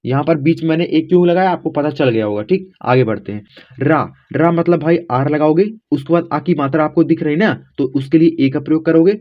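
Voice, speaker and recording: A man explaining a lesson in an easygoing, talkative way. He walks through each letter one at a time and keeps checking in with the listener. His voice sits a little higher than usual and comes through a dull, lo-fi recording. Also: a little fast. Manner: repeats "theek" constantly, spells letters aloud step by step; addresses viewers as friends, informal. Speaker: teacher. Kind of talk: casual classroom explanation.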